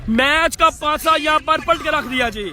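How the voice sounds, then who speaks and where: A man giving excitable live cricket commentary, repeating phrases, stretching out calls and dropping in English phrases. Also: very high-pitched, normal speed, music in the background. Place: outdoors at a cricket ground. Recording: outdoor crowd and traffic noise.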